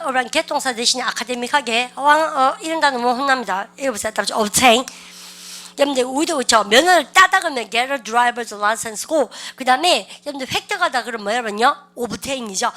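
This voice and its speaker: A woman teaches English with a bright, forceful edge to her voice. Her voice sits a little on the high side. She quizzes her class again and again and stretches out English words slowly for pronunciation practice. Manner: drills students with repeated questions; slow, exaggerated English pronunciation drills. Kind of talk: lively classroom-style lesson.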